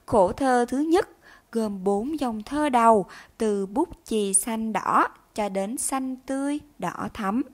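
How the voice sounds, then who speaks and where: Slow, careful woman teacher. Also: fairly high pitch. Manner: slow, careful enunciation of words and syllables. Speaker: primary school teacher. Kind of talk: recorded reading lesson for children.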